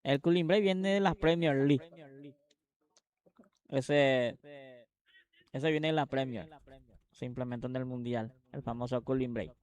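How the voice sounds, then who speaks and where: A man's voice: mid-range voice, steady tone, a little slow, pauses often, a little mellow. A man with a Paraguayan accent giving live match analysis as a football co-commentator.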